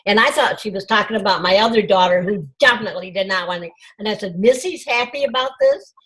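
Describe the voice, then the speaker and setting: An older woman telling a personal story to a support group over a video call, pausing often with fillers. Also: mid-range voice, steady tone, sharp tone, poor audio. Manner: halting, many fillers. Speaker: group member.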